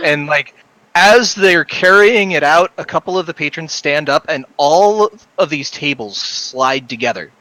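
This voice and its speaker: A man's voice: on the high side, bright, forceful tone, dry recording, low-quality recording. A man narrating a tabletop game as game master, laid-back and chatty, laughing often.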